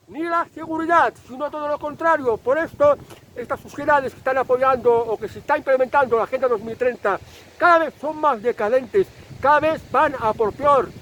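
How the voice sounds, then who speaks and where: A man from delivers a long political opinion monologue as a channel host. His voice sits very high for a man. He hammers his points through repetition and fills his pauses with small hesitations. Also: fairly bright tone, slight background noise, poor audio. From Spain. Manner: insistent, repetitive, pauses with fillers.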